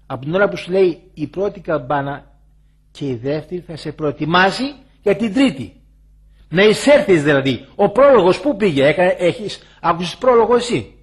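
An older monk delivers a sermon in a husky, somewhat raised voice. His delivery swings widely in pitch as he fires rhetorical questions and repeats his key word for emphasis. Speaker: monastic elder.

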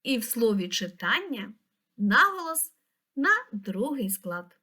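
A woman reading a scripted lesson for young children, pronouncing each word slowly and clearly. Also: fairly high pitch, sing-song, sharp tone. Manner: slow, clear, pronouncing words syllable by syllable. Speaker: teacher.

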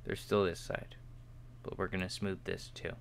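A man's voice: flat delivery, moderate pace, vocal fry, slight background noise. A young man streaming live, rambling and joking at himself as he talks to his viewers while he models in 3D. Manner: yawning, low-key late evening.

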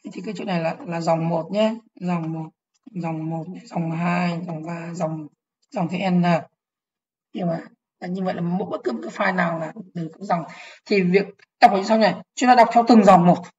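A woman's voice: lowish voice, fairly quick, a little mellow, dull audio, a little hiss or hum. Woman teaching step by step. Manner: explains step by step, repeating phrases and checking understanding. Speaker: programming teacher. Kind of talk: online lecture to teachers.

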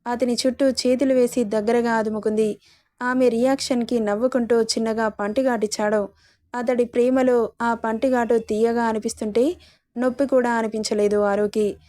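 Woman reading a love story, soft dreamy voice, kinda high, dry close mic. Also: fairly even intonation, normal speed, no echo. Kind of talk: scripted romance story narration.

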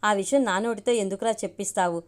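A friendly man who teases like an older brother, read by a woman in her own voice. He has a light, playful manner and is pitched at an ordinary middle height, as in a spoken storybook. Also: quick pace, close to an everyday voice. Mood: teasing. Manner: light teasing.

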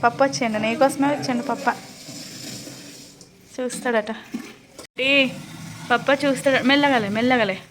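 A woman's voice: on the high side, fairly even intonation, moderate pace, pauses often, noisy background. A young woman with a Telangana Telugu accent, filming a casual home vlog, coaxing her children to take medicine and repeating herself again and again. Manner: coaxing, repeats words over and over. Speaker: vlogger mother.

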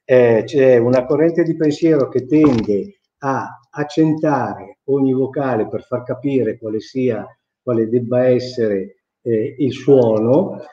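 A man's voice: medium pitch, slow pace, warm tone, echoey room, highs cut off. A man giving an informal lecture, explaining patiently with examples and frequent tag questions. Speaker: dialect teacher.

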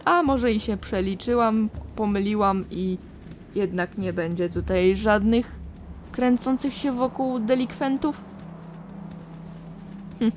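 A woman's voice: mid-range voice, slow, long pauses, darkish tone, a little hiss or hum. A woman hosting a let's play, giving casual, musing commentary and often correcting herself. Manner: chatty, musing, self-correcting.

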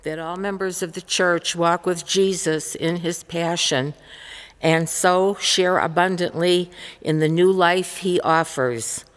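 Female lector, low voice, very slow reading, long church reverb. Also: steady tone. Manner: slow, careful recitation. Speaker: reader of the intercessions. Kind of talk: liturgical prayer reading. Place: large church.

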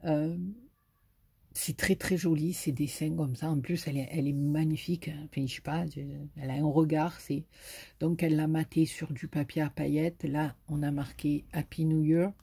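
A woman with a southern French accent chats casually to camera as she shows the greeting cards she received. Her voice is mellow and a little breathy, and she is effusive, piling on fillers as she goes. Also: low voice, fairly even intonation, moderate pace. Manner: chatty and effusive, with many fillers. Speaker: YouTuber showing greeting cards.

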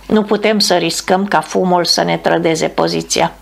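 A woman reading a steady bomber captain. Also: fairly low pitch, gravelly. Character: man, a calm bomber captain giving orders.

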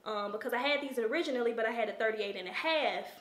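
Young woman, bright tense voice, rather high, chatty and excitable, roomy home echo. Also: fast. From Memphis, USA. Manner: chatty, excitable, lots of "like" and "y'all". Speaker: lifestyle vlogger. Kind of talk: casual chat to camera. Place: her home, getting ready indoors. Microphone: camera or phone camera.

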